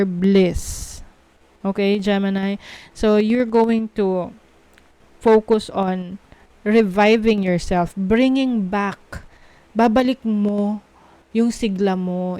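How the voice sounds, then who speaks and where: A woman from the Philippines giving a tarot reading, slow and reassuring, mixing Tagalog and English and checking in with her listeners. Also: medium pitch, mellow, dry recording. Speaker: tarot reader.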